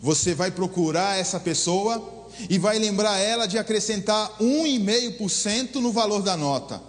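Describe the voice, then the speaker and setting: A man's voice: high voice, moderate pace, lightly acted. A man voicing a corrupt male boss who coaxes and reassures. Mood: coaxing. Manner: coaxing, reassuring. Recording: long hall reverb.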